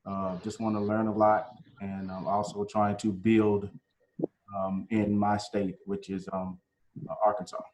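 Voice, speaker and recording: Lower-voiced male member, halting and hesitant, filler-heavy self-introduction. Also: flat delivery, a little mellow, a little hiss or hum. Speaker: lodge member introducing himself.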